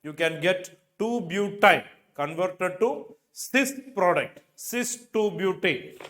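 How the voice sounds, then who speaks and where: His voice sits high and a bit bright, animated yet slow-paced: a middle-aged man with an Indian accent teaching chemistry. In this exam coaching lecture he solves questions and repeats key phrases for emphasis. The setting is an indoor studio with a digital board, and he wears a lapel microphone.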